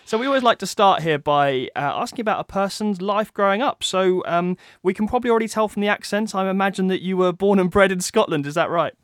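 A man's voice: high voice, quick pace, few pauses, no echo. A man hosting a radio interview, introducing his guest and asking questions in an upbeat, conversational way. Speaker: radio host and magazine editor.

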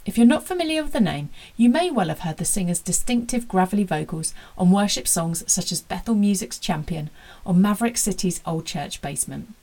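A woman radio host delivers a smooth, scripted introduction. Her pitch rises and falls with lively variety, and a gravelly fry runs through her voice. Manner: polished, reads smoothly from a script.

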